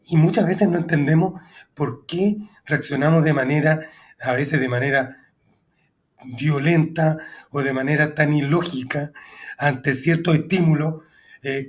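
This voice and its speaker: A man's voice: fairly high pitch, unhurried. A man hosting an interview podcast, asking long and thoughtful questions in a conversational way. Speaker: podcast host.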